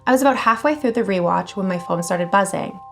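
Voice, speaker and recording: A woman hosting a channel where she reads scary online stories aloud, expressive and casual, swearing now and then. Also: mid-range voice, quick pace, creaky, faint music behind. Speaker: horror story channel host.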